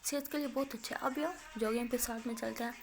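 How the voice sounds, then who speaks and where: Brief: woman doing a chatty, cheeky teenage girl, high-ish voice, quick comebacks. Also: fairly even intonation, creaky. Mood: teasing. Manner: quick, playful, argumentative. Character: sassy chatty teenage college girl, teasing.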